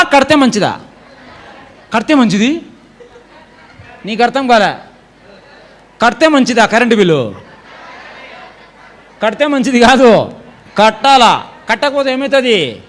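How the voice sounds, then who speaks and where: A man's voice: very high-pitched, fairly bright tone. A man preaching a sermon to his congregation, exhorting them and repeatedly calling for them to answer aloud. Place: church.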